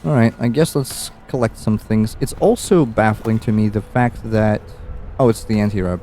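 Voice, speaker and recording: A man's voice: lowish voice, moderate pace, mellow, a little hiss or hum. A young man streaming a game, rambling and musing aloud with easy chuckles as he plays. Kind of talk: casual gameplay commentary.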